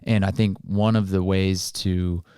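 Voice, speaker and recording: A man's voice: sits low, flat delivery, unhurried, dark tone, clear, resonant tone, no echo, studio quality. A man co-hosting a podcast, explaining ideas in an earnest, motivational way. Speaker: podcast co-host. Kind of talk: casual podcast chat.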